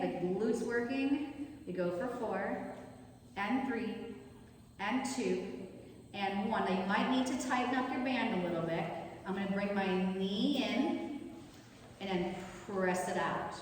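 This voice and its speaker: A woman instructing an exercise class, giving short, directive cues and counting out repetitions. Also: mid-range voice. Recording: echoey hall, distant mic, noisy background.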